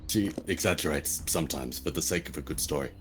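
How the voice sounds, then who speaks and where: A man playing an earnest, courteous dragonborn, speaking in measured, hesitant, formal phrases in a tabletop game. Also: a bass voice, over music. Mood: wistful. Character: earnest, courteous male dragonborn raised by goblins.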